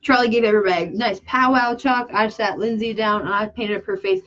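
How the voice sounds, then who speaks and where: A woman hosting a casual livestream chat, rambling excitably and losing her train of thought. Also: medium pitch, brisk. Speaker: channel host and makeup artist. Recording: dull lo-fi sound.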